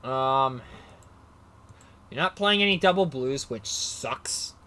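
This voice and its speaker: A man's voice: medium pitch, lively intonation, slow pace, sharp tone. A man casually narrating his moves in a card game match, rambling and self-mocking, often losing his train of thought. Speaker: card game player and commentator.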